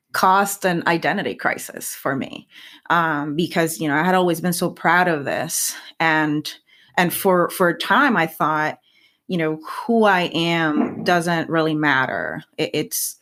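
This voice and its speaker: Speaking slowly in a low, fairly bright voice, this guest scientist is a woman from Puerto Rico in her thirties whose first language is Spanish. In the podcast interview she reflects aloud, often starting her phrases over and repeating words.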